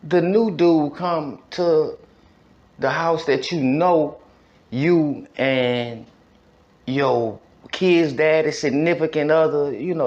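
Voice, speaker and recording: The recording is muffled, and the man's voice runs on the high side. He's an American podcast storyteller sharing something personal in a casual, emphatic, repetitive style packed with street slang and check-in phrases.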